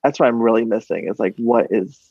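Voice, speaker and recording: A man's voice: lowish voice, fairly quick, gravelly, warm tone, husky, dry recording, highs cut off. A man co-hosting a podcast, rambling casually with bewildered, jokey asides. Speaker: podcast co-host. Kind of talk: casual recap chat.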